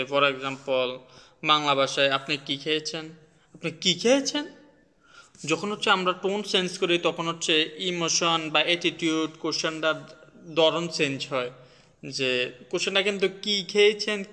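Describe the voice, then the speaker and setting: A man's voice: on the high side, bright, forceful tone, long reverb tail. A man teaching in a casual video lesson, demonstrating sounds and mixing in English words. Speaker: language teacher.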